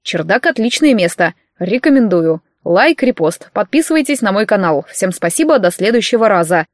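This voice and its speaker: A woman's voice: medium pitch, big pitch swings, normal speed, dry recording, studio quality, natural voice. A woman reading the lines of a cocky, teasing young man who jokes smugly. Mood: joking. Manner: teasing, joking, smug.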